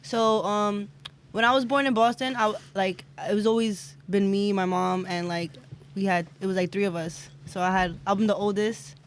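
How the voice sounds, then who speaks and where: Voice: medium pitch, fairly even intonation, normal speed, a little hiss or hum. A speaker in their twenties, chatting loosely as a guest, with many fillers and easy laughs. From Bronx, New York. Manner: rambling, filler-heavy, laughs easily. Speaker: guest music artist. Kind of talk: casual podcast chat.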